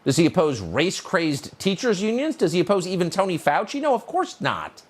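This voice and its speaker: A middle-aged male news host with a lively pitch that swings up and down as he mocks and needles. He delivers his opinion monologue with sarcastic incredulity. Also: brisk.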